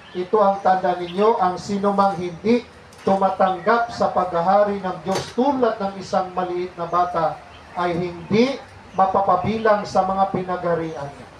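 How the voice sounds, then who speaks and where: A man's voice: high voice, reverberant, a little hiss or hum, low-quality recording. A man, a priest, giving a homily to a congregation in a conversational way, asking them questions and slipping in English phrases.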